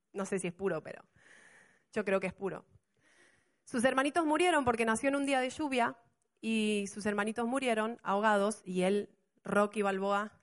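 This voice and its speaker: Woman pastor, middle-aged, animated sermon, rhetorical questions. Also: on the high side.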